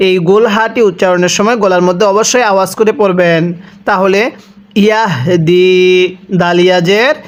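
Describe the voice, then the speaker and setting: A high-voiced man with a Bangladeshi Bengali accent leads a step-by-step Quran recitation lesson. His voice is smooth and resonant. He spells out letters and vowel marks one at a time, then recites each word in a slow, drawn-out chant. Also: steady tone. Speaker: Quran reading teacher.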